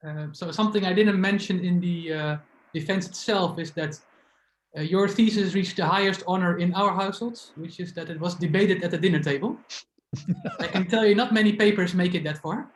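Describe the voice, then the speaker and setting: Brief: friendly hesitant man, higher voice, roomy echo. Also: normal speed, slight background noise. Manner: friendly and hesitant, many uhs. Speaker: committee member. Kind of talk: congratulatory speech on a video call. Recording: echoey room on a call.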